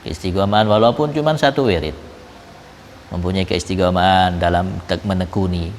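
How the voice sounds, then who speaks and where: A man teaching a Ramadan religious lesson in a conversational storytelling manner. His voice sits at an ordinary middle pitch. It carries a long reverb from the hall around him. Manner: conversational storytelling, mixing in Arabic-derived pronouns.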